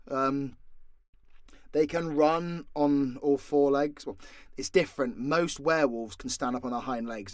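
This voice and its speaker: In clean studio sound with no room sound, a southern British man speaks in a mid-range, fairly bright voice. He's an audio story creator and voice actor with a southern English accent, fielding questions off the cuff in a casual Q&A, bluntly, jokily and with frequent swearing.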